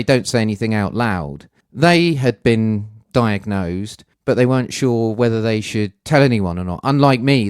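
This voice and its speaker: A man's voice: mid-range voice, darkish tone, smooth, no echo. Man, middle-aged, reflective podcast host, conversational, dry close sound. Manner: thoughtful, conversational, with hedging asides. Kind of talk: reflective personal podcast monologue.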